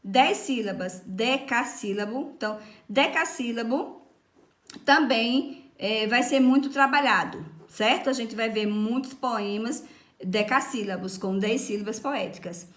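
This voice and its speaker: A woman's voice: on the high side, a little slow, fairly bright tone, reverberant. A woman teacher, patiently explaining a lesson and checking often that her students follow. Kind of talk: recorded online lesson.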